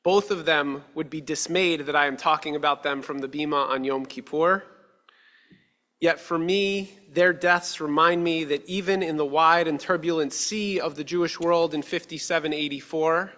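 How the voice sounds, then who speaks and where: A male rabbi in his thirties giving a measured, earnest sermon at a lectern with a stand mic, slowing down for emphasis. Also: on the high side, sharp tone. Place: synagogue sanctuary, at a lectern. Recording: long reverb of a sanctuary hall.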